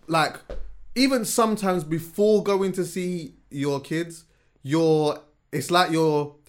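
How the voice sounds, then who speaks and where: A young man, co-hosting a podcast in casual chat, telling animated stories and dropping to quiet asides. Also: fairly high pitch, slow pace. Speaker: podcast co-host.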